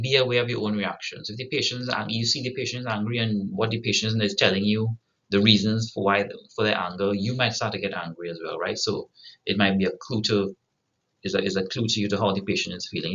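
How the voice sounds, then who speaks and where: A man's voice: fairly low pitch, bright, forceful tone, muffled recording. A man giving a recorded lecture to students, often checking in with "right?" and restarting his sentences. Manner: frequent "right?" tag questions, restarts.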